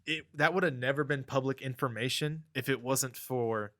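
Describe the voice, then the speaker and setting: Bright-voiced young man rambling a story. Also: mid-range voice, normal speed. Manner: rambling storytelling, heavy "like" fillers. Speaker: podcast co-host. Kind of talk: casual chat.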